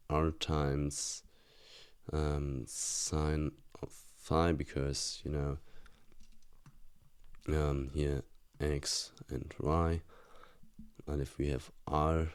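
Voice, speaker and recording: A man's voice: rumbling low, clean tone. A young man with a German accent, a student thinking aloud as he reviews an old exam, hesitant and full of fillers and restarts.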